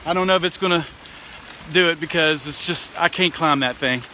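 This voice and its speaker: A man with a Southern US accent giving a folksy, excitable, casual live storm report outdoors in wind and rain. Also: fairly quick. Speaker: amateur weather reporter. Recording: windy outdoor noise, clicks and rumble.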